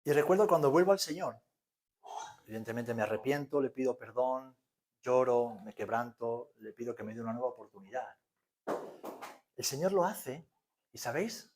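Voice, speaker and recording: A pastor in his forties with an accent from Spain, preaching to his church. He drops to near quiet and then rises to loud peaks. His voice sits at an average pitch for a man. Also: normal speed, long pauses. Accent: Spanish from Spain. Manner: preaching with sudden swings from hushed to loud. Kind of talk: sermon.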